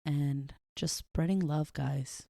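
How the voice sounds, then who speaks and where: A woman's voice: low voice, steady tone, takes it slowly, creaky, dark tone. A woman co-hosting a casual podcast chat with a sore, dry throat, dropping Spanish words into her talk. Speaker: podcast co-host.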